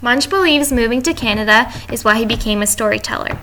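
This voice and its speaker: A woman reads her class presentation aloud from notes in a fairly high voice. She trips on a word now and then and restarts it before carrying on. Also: brisk, pushed and bright. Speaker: student presenter.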